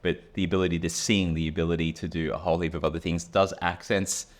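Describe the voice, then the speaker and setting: A man's voice: low voice, level tone, quick pace. A man co-hosting a podcast, chatting and explaining in a casual way while he thinks aloud. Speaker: podcast co-host. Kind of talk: casual chat.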